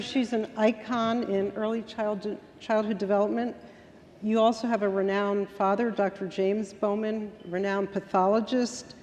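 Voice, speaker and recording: A woman interviews a guest on stage, setting up each question with enthusiasm. Her voice sits at a middle pitch, with a long hall reverb and a faint room hum behind it. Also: darkish tone. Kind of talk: onstage interview. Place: large event hall.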